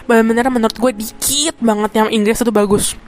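A woman's voice: fairly high pitch, steady tone, a little fast, slight background noise. A young woman, telling a story in a casual, slangy chat and often asking if you get it. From Indonesia. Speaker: podcaster.

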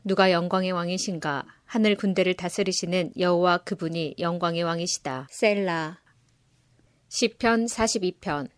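A woman giving a measured, solemn scripture reading. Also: lowish voice, no echo. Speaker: scripture reader.

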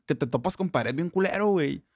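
A man's voice: a little high, expressive, a little fast, a little mellow, dry recording, clean studio sound. A young man with a northern Mexican accent, chatting casually in profane street slang as an interview guest. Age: young adult.

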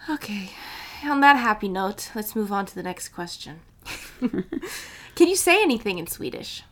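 A woman's voice: medium pitch, sing-song, measured pace, fairly bright tone. A young American woman hosting a casual podcast chat, quizzing her guest in a chatty way with frequent fillers. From United States. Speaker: podcast host.

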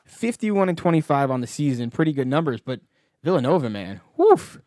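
A man's voice: mid-range voice, expressive, fairly quick, a little mellow, no room sound, clean studio sound. A man hosting a podcast, talking sports in a casual, conversational style. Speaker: podcast host.

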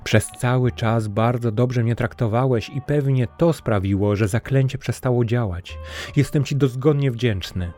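A man's voice: mid-range voice, normal speed, dark tone, soft background music, lightly acted. A man voicing a sly male robber who spins a tall tale with eager, wheedling patter, in a storybook reading.

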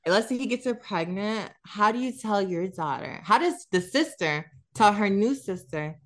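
A woman's voice: medium pitch, animated, moderate pace. A woman co-hosting a podcast, chatting casually about celebrity gossip in a blunt, profane, emphatic way. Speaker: podcast co-host.

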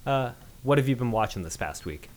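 A man's voice: mid-range voice, animated, a little fast, a little mellow, slight background noise. A man hosting a film review podcast, calling in remotely, talking casually with loose fillers and restarts. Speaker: podcast host. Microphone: remote call-in mic.

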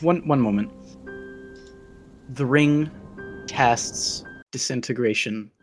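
A man acting as game master in a tabletop game, relaxed and quick to laugh. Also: mid-range voice, music in the background.

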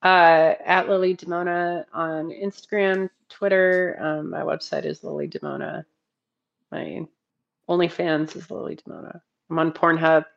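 Woman gamer intro, kinda low and fry-heavy, casual, muffled lofi mic. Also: level tone, measured pace. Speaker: tabletop game player. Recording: dull lo-fi microphone.

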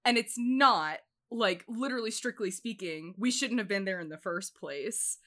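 A woman's voice: mid-range voice, animated, normal speed, sharp tone. An American woman hosting a podcast, chatting casually, blunt and rambling, swearing freely. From United States. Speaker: podcast host.

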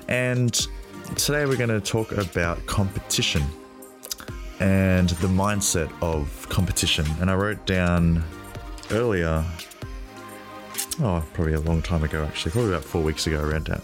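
A young man hosting his own podcast, speaking reflectively with a husky voice while getting over a cold. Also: deep voice. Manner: reflective, loose, frequent fillers and throat clearing. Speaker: podcast host. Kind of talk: solo podcast monologue.

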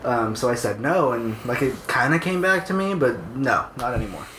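A man's voice: mid-range voice, lively intonation, brisk, a bit bright. Casting: young male podcast co-host, Californian accent, casual slangy storyteller, echoey room sound. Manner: slangy, sweary. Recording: roomy echo, faint background noise.

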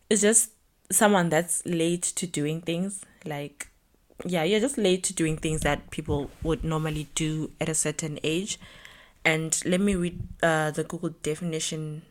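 A young adult woman hosting a solo podcast, talking in a casual, candid way with plenty of fillers and asides. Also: low-pitched. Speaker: podcast host.

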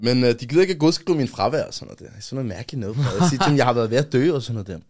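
A young man from Amager, Denmark, telling a personal story in a casual chat, animated and often checking that the listener follows. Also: medium pitch. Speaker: guest, rapper.

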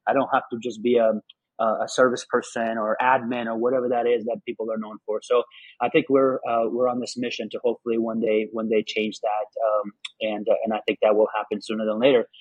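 Husky man hosting a podcast, dry sound. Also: medium pitch, flat delivery, fast talker, dry recording, muffled recording. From Afghanistan. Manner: friendly, frequent mm-hmms, rambling. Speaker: podcast host. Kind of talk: casual interview chat.

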